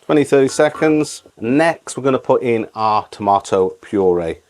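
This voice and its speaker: A man's voice: mid-range voice, expressive, moderate pace, a little mellow, a little hiss or hum. A middle-aged man hosting a casual step-by-step cooking tutorial, repeating phrases for emphasis. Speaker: cooking channel host.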